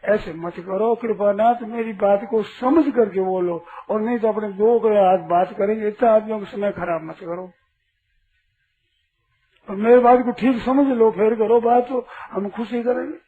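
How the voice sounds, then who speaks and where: A man's voice: sits high, steady tone, measured pace, breathy edge. A man giving a spiritual discourse to an audience as a teacher, asking rhetorical questions and sternly correcting a questioner. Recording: tinny lo-fi recording with faint hiss.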